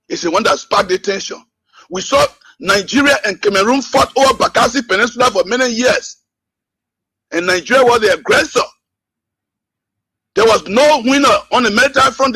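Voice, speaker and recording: Man from Liberia, radio caller, bright tense voice, impassioned, rhetorical questions. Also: very high voice, husky. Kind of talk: call-in radio political commentary. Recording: phone line on radio.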